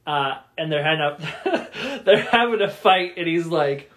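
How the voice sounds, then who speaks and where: A man's voice: a little high, lively intonation, unhurried, a bit bright. A man chatting casually on a podcast, retelling favorite movie scenes, laughing often and acting out quoted lines. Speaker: podcast co-host. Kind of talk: casual chat about movies.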